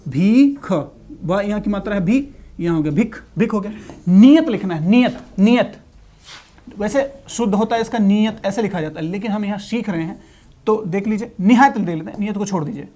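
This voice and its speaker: In a shorthand lesson, a man with a high-sitting, dark-toned voice speaks at a moderate pace, breaking words down into syllables and patiently repeating them. His manner is explanatory, and he often checks in by saying "ठीक है."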